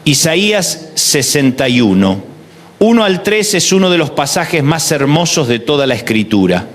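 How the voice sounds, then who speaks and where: A man's voice: a little high, big pitch swings, moderate pace. A man preaching a scripted devotional sermon, building emphasis through repeated parallel phrases. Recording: long reverb.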